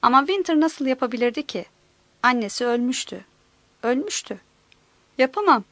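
A woman reads a novel aloud with a high, clear voice and a steady, measured pace. The recording is dry and close, with no room sound. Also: no room sound. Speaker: narrator. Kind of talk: audiobook narration.

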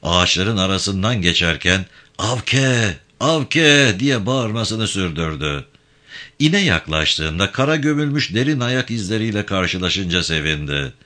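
A man reading a literary story aloud in an expressive, lyrical way. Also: deep voice, normal speed. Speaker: narrator.

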